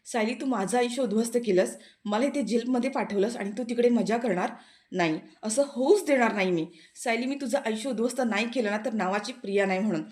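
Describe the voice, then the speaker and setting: Lady doing an angry plotting young woman yelling threats, voice a bit high and loud. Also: fast talker, natural voice. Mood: vengeful. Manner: shouting, threatening. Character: furious scheming young woman jailed.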